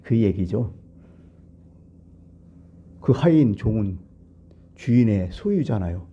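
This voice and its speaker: A man preaches in a church, explaining scripture in plain, chatty words. His voice is very dark and husky. The recording sounds dull and lo-fi. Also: fairly low pitch, expressive, takes it slowly. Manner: conversational, explaining scripture in plain everyday talk. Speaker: pastor. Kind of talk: sermon.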